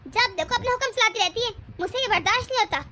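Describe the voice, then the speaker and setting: Animated cartoon: a sharp-tongued young wife, very high and bright, defiant and scolding, played by a woman. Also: fast talker, slight background noise. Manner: indignant, scolding.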